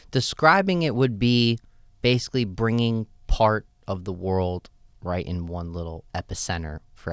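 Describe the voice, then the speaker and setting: A shop owner appearing as a guest answers interview questions in a relaxed, loose way, sprinkling in fillers, "you know" and lots of "right?" tags. His voice is low-pitched, clear and resonant, captured in a dry, studio-quality recording.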